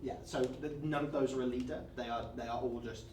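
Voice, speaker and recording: Echoey male game master, halting narration. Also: medium pitch, fairly even intonation, a little mellow, distant mic, slight background noise. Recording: echoey room, off mic, faint music.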